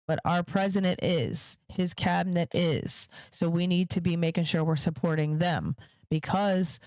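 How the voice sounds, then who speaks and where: Her voice sits low and carries a touch of mellowness, captured in a dry recording. Hosting her own podcast, she addresses viewers head-on with forceful political commentary, driving points home through repetition.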